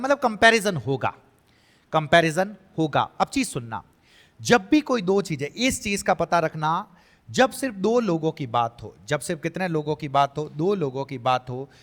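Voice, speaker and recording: Hindi-speaking male teacher in a reverberant room. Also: fairly high pitch. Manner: asks questions and answers them himself, voices students' doubts. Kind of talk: exam-prep lesson.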